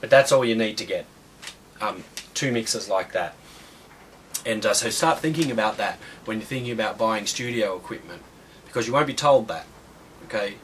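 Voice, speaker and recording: A man giving a casual, rambling walkthrough of his home studio gear, blunt and offhand, with many ums and restarts, his voice going hoarse. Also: lowish voice, animated, normal speed, long pauses, a bit bright, slight background noise. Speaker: home studio tutorial host.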